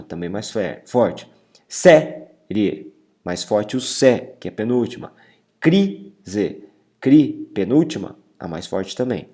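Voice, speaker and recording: A man teaching a video lesson, explaining step by step and stressing syllables loudly. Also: fairly low pitch. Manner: says "beleza?" and "galera" often.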